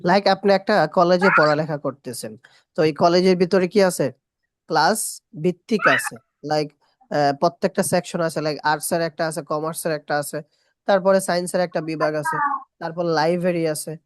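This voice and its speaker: A woman teaching a spoken English class, repeating short English phrases slowly and quizzing her students. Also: on the low side, steady tone, no room sound, clean studio sound. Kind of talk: classroom lesson.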